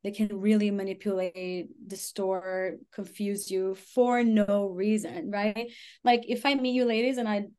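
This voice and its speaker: A woman's voice: mid-range voice, level tone, a little slow, dark tone, clean tone. A woman talks as a guest on a podcast in a loose, conversational way. Her speech is full of "like" and "you know", and she acts out the lines of people in her stories. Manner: chatty, lots of "like" and "you know", acts out quotes. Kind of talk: casual conversational storytelling.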